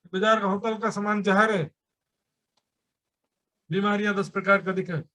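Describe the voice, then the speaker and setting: A man with a notably high-pitched voice delivers a sermon at a temple gathering. He explains his points through homely examples and keeps asking his listeners rhetorical questions. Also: fairly even intonation, moderate pace, pushed and bright. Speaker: preacher.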